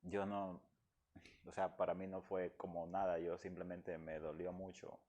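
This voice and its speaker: A man's voice: deep voice, level tone, measured pace, dark tone, highs cut off. A man from the Dominican Republic, speaking as a guest and giving an emotional personal testimony in an earnest, heartfelt way.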